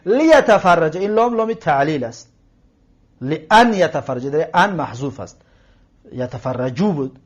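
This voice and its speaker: A man with a somewhat high voice gives a patient grammar lesson. He walks through a text word by word, translating, parsing and repeating phrases. The recording sounds dull and lo-fi. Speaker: Arabic teacher. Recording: lo-fi muffled recording.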